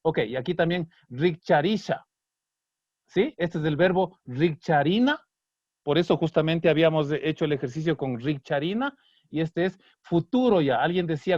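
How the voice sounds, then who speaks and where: A man teaching an online Kichwa language class, patiently breaking down song lyrics and slowly repeating words. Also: fairly high pitch, darkish tone, no room sound. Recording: dry, slightly dull online class audio.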